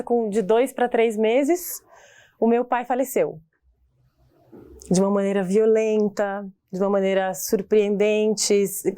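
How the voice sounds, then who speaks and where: A woman's voice: on the high side, darkish tone. A woman with a Brazilian Portuguese accent, a singer and voice teacher, telling her own life story in a heartfelt, reflective talk. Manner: heartfelt, reflective, pauses and restarts.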